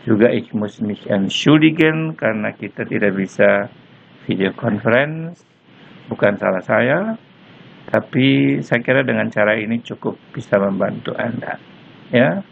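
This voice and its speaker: Slow, gravelly male lecturer on a tinny line. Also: medium pitch. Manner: slow, patient explaining with frequent "ya" tags. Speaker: German lecturer. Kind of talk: recorded university lecture. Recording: lo-fi phone-like recording with faint noise.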